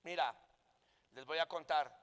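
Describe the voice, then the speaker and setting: Fervent male preacher from Colombia, high voice, ringing hall reverb, swings from hushed asides to shouted emphasis. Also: measured pace. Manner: impassioned, rising to shouts on key points. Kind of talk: sermon with personal testimony.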